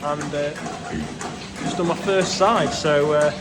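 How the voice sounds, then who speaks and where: A man's voice: on the high side, slow. A man, a dairy farmer, chatting casually while he works in a milking parlour, rambling with plenty of fillers into a handheld camera. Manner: relaxed, rambling, many fillers, explaining as he works. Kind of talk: casual walk-through vlog while working. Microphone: handheld camera mic. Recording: loud machinery noise in milking parlour. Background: running milking machinery.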